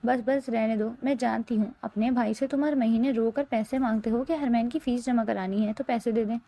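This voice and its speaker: A woman's voice: on the high side, steady tone, mellow. Shazia Begum, a woman doing a sneering, taunting stepmother. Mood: angry. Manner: taunting, sarcastic.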